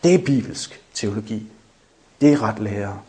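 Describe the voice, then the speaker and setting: Animated Danish preacher man. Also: on the low side. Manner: animated, shouting for emphasis, joking with the congregation. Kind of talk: lively sermon.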